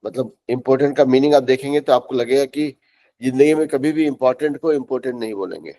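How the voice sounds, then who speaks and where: A middle-aged man from Bihar teaching English pronunciation in a classroom, spelling words out letter by letter and repeating them slowly. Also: medium pitch, warm tone. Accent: Bihari Hindi. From Bihar, India.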